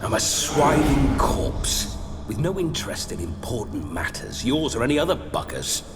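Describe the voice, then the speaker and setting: Voicing a video game character, a male actor plays the roguish, bawdy ghost of a dead nobleman, speaking in a theatrical, swaggering, old-fashioned style. His mid-range voice swings widely in pitch at a moderate pace, sounding wry and boastful. The recording has long reverb with music behind him.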